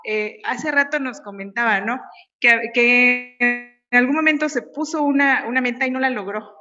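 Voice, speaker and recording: A woman hosting an interview, talking in a halting way with many repeated words and fillers. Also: a little high, sharp tone. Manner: hesitant, repeats words while asking. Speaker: podcast host. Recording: lo-fi audio with long reverb.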